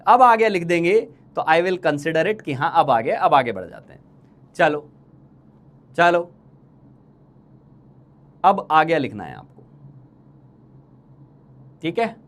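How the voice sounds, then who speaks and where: High-voiced man teasing his class. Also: big pitch swings, slow pace, pauses often. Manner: teasing, calls students playful names; repeats questions to the class. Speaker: chemistry teacher. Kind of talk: live online exam-prep lecture.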